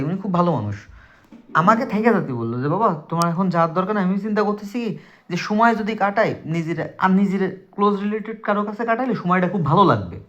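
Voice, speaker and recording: A man with a southwestern Bangladeshi Bengali accent tells friends a personal ghost story in a high, slightly bright voice. He's casual and emphatic, speaking directly to his listeners. The recording is dull and lo-fi.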